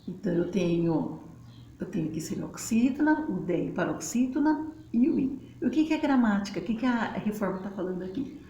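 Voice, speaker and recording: A woman's voice: mid-range voice, lively intonation, a little fast, warm tone, lo-fi sound. A woman teacher, patiently explaining at a board and spelling out syllables in a chatty way. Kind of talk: casual classroom explanation. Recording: roomy, faint background noise.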